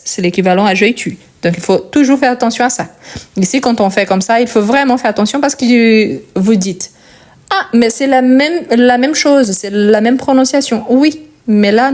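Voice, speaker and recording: A woman with a Portuguese accent teaching a French conjugation lesson, explaining patiently step by step and checking in often with the learner. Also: a little high.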